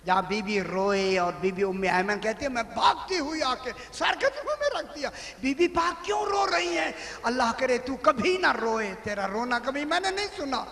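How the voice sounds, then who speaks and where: A man giving a mourning sermon as a religious orator, lamenting with drawn-out cries of grief. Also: extremely high pitch, bright, forceful tone, a little hiss or hum. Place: large hall at a mourning gathering. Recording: echoey hall with long reverb.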